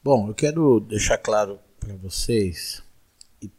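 A man in his forties from Guarulhos, São Paulo, Brazil, with a São Paulo accent, answers interview questions as a political candidate in an emphatic, repetitive, oratorical way. His voice is lowish, unhurried, a little mellow, with a breathy edge.

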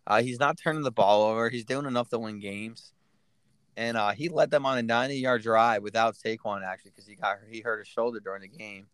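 A man's voice: medium pitch, steady tone, brisk, a bit bright, clear, resonant tone, dry recording. A man co-hosting a sports podcast, talking in a laid-back way, with lots of fillers and some swearing. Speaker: podcast co-host. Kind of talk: casual sports chat.

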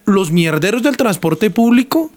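A man's voice: high-pitched, expressive, unhurried. A man co-hosting a podcast, joking and swearing through rambling casual talk. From Colombia. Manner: profane, joking, rambling with restarts. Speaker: podcast co-host.

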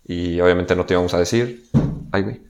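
A man's voice: deep voice, fast, soft background music. A young man with a Mexican accent telling a personal story in a candid, slangy way, acting out the dialogue he quotes. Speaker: guest.

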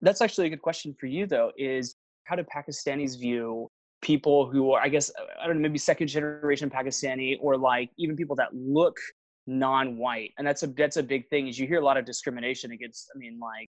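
Rambling and full of fillers and restarts, a young man who vlogs about travel tells stories as a relaxed interview guest. His mid-range voice has fairly even intonation and a slightly fast pace, recorded without echo.

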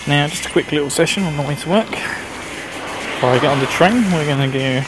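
A man's voice: a little high, brisk, background noise. A man with a mild Essex English accent giving casual, rambling game commentary, chattily talking to himself as he plays. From Essex, England. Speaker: host of a gaming series. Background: music.

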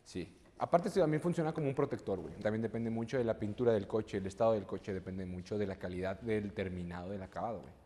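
A man's voice: lowish voice, fast talker, few pauses, dark tone. A Mexican man talking casually as a podcast guest, peppering his sentences with slang and swearing. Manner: slangy, swears freely, ends phrases with "güey". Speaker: guest, business owner. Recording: hall reverb, faint room noise.

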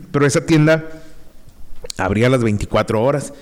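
This young man's medium-pitched voice carries a northern Mexican accent from Monterrey, and he takes his time. He's relaxed on a podcast, recounting his childhood with plenty of slang and lively impressions of what people said.

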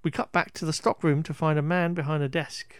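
A man's voice: fairly high pitch, fairly even intonation, a little fast, dry recording, studio quality. A man hosting a podcast, recapping a film in a casual, rambling way, wry and exasperated, with restarts and the odd swear word. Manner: occasional swearing. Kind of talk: casual chat.

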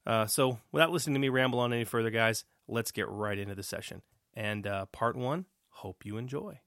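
A man acting as game master, reading out a mission briefing with emphatic jumps in pitch at the start of phrases, then introducing the players. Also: a little fast, a bit bright, no echo, clean studio sound. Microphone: voice call setup.

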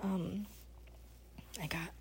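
A young woman with a husky, breathy voice casually rambling through a personal audio diary, correcting herself as she goes. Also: fairly low pitch, fairly even intonation, very slow, a little hiss or hum. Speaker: teacher recording an audio diary.

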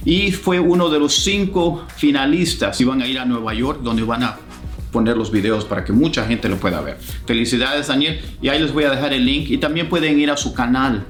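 A man's voice: medium pitch, a bit bright, faint music behind. Man teaching phrases in an echoey room. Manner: repeats English phrases slowly, then explains them. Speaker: English teacher and channel host. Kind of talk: casual bilingual language lesson.

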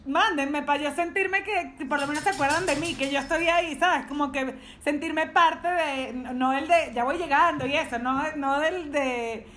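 High-voiced woman chatting. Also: moderate pace, few pauses, a bit bright, a little hiss or hum. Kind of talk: casual chat.

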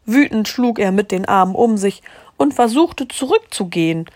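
A woman reading a children's storybook aloud to a child, calm and gently expressive. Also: mid-range voice, normal speed.

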